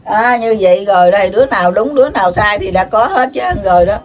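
An older woman with a Southern Vietnamese accent, rambling on in a lecturing, scolding way, full of drawn-out filler sounds. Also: medium pitch, expressive. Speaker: self-proclaimed spiritual elder receiving visitors. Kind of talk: rambling, preachy monologue.

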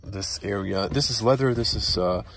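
Low-voiced young man with Croatian English. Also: very noisy. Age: young adult. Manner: halting, many fillers, non-native phrasing. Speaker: car reviewer. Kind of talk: casual walkaround car review. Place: car dealership showroom, inside a car. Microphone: handheld camera close to face.

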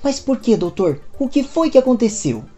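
Lady reading as a scared soap mom, pleading, lots of up-and-down questions, darkish mellow tone. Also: fairly high pitch, big pitch swings, normal speed, lo-fi sound, soft background music, pitched above the performer's own voice. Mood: anguished. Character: worried middle-aged mother and wife.

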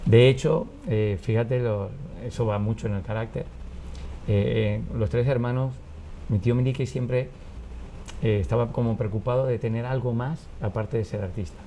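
A Cuban-born man in his fifties tells family anecdotes as an interview guest in a wood-panelled studio, in relaxed conversational storytelling. He is animated, gesturing with his hands, and makes many restarts and lively acted quotes. His mid-range voice moves at a moderate pace, caught on a lapel mic with a little hiss or hum.

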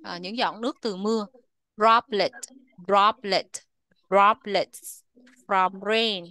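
A woman teaching English to children, switching between two languages and repeating words slowly so the class can echo them. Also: medium pitch, fairly even intonation, bright, forceful tone.

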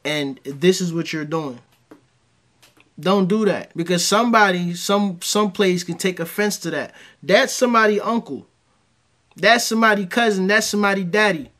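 A man's voice: a little high, a bit bright. A man hosting a reaction video, giving blunt casual commentary on clips. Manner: blunt, conversational, lecturing.

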